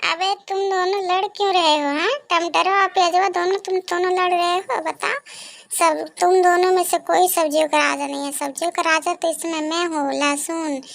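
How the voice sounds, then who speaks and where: A cartoon garlic with a very high, sharp, bright voice. He is smug and bragging, and mocks the others. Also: little pitch movement, normal speed, creaky, exaggerated voice. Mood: boastful. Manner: bragging, mocking. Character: boastful smug male garlic, self-proclaimed king. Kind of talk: cartoon voice acting.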